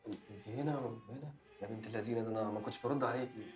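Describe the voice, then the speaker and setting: An actor with an Egyptian accent playing an evasive young man who makes smooth excuses to his girlfriend. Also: on the low side, natural voice. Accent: Egyptian Arabic. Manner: smooth, fast excuse-making. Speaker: actor in a TV drama series. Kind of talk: TV drama acting.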